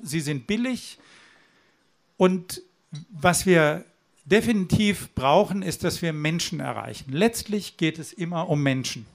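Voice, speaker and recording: Guy with a pretty high voice speaking at a demo, earnest and persuasive, restarts now and then. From southwestern Germany. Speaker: rally speaker. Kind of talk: speech at a demonstration. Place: outdoor rally.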